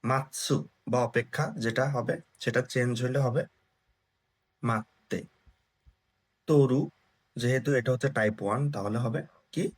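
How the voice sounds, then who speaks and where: Young guy teaching grammar, kinda husky, talks in choppy bits, keeps asking if you got it. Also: medium pitch, fairly even intonation, a little slow, long pauses. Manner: talks in short broken phrases, checks in with listeners. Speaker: Japanese language teacher. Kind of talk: explaining grammar lesson.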